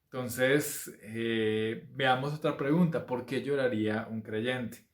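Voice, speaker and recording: A man's voice: mid-range voice, takes it slowly, roomy sound. A man preaching a sermon, teaching from the Bible, who reads passages aloud with rising emphasis and poses rhetorical questions. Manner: frequent fillers and restarts, asks rhetorical questions.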